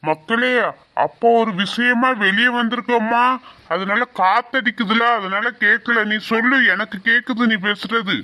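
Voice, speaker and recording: Man playing a calm affectionate father. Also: extremely high pitch, unhurried, exaggerated voice. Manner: calm, gentle.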